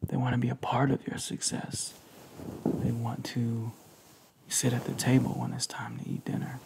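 A young man playing a devoted, clingy lover in an ASMR role-play, giving soft, intimate, affectionate pillow talk up close. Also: noisy background, close to an everyday voice. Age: young adult. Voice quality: soft, breathy soft-spoken mixed with low murmur. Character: devoted, clingy, tender male lover at bedside. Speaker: ASMR creator. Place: living room couch, indoors.

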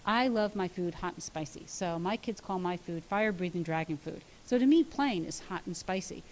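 A middle-aged woman dietitian giving a lively, practical talk to an audience, telling stories and acting out the dialogue with emphasis. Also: lowish voice, normal speed, rough recording. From United States. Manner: storytelling, acts out dialogue, emphatic. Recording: faint hiss.

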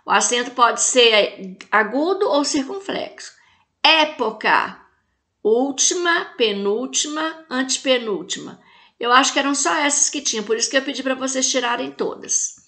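Brazilian lady teacher going slow, kinda high bright voice, asks the kids questions. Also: lively intonation. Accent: Brazilian Portuguese. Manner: slow, spells out and stresses syllables; talks to pupils with rhetorical questions. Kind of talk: recorded class lesson.

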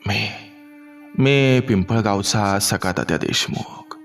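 A man voicing an injured, lost old villager, speaking slowly and wearily. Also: lowish voice, soft background music. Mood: pained, weary. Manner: slow, weary and pleading.

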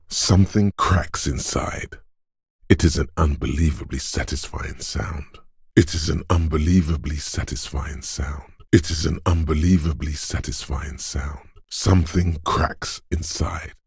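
In a full character voice, a bass-voiced male actor portrays a video game's gruff, macho inner voice of physical strength, drill-coach style, blunt, taunting and commanding with gravelly huskiness. His delivery is slow narration, captured at studio quality with no echo.

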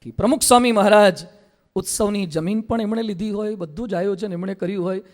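A monk preaches a sermon in a notably high voice. He tells stories briskly and slips into mimicking ordinary people to make his points. He drops into a slower, chant-like delivery for scripture verses. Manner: lively storytelling with mimicry of everyday people.

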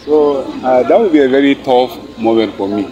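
A man's voice: mid-range voice, moderate pace, lo-fi sound. A young man student answering a campus interview thoughtfully, checking in with the interviewer. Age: young adult. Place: outdoors on campus.

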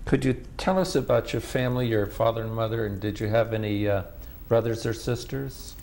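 A man conducting an oral history interview, asking questions in a formal, measured way. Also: on the low side, fairly even intonation, darkish tone, a little hiss or hum.

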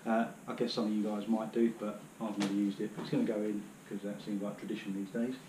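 A British man in his thirties talks casually through his hiking gear, rambling and filling pauses with ums and uhs. He kneels on the floor of his living room, picked up by a camera a few metres away. The room has a roomy echo, and clear background noise runs under his voice. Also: lowish voice, flat delivery. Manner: chatty, rambling, many fillers. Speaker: outdoor gear vlogger. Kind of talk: casual demonstration.

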